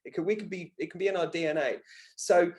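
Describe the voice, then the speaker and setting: Talking quickly in a high, darkish voice, a man in his thirties is interviewed as a podcast guest on personal development. The exchange is conversational, and he comes across earnest and emphatic, with frequent repetition of words for emphasis.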